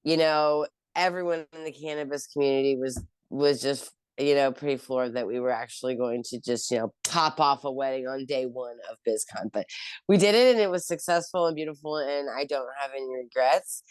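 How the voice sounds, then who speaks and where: A cannabis company founder appears as an interview guest, chatting casually about her work in a rumbling low, brisk voice. She rambles, piling on "um" and "you know" fillers and frequent restarts. The tone is clean, with no room sound.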